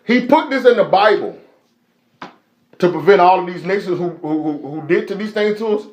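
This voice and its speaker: A man's voice: high voice, lively intonation, moderate pace, lo-fi sound. A man preaching a live-streamed sermon, emphatic and repetitive, with many rhetorical questions. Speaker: preacher teaching a Bible lesson. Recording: echoey room.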